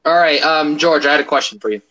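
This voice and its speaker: An American man in a casual voice chat, excitable and quick to swear. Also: a little high, highs cut off, slight background noise.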